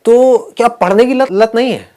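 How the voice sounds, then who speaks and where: A man leading a live motivational session for students, animated and playful, often asking the audience questions. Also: very high voice, moderate pace. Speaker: motivational speaker.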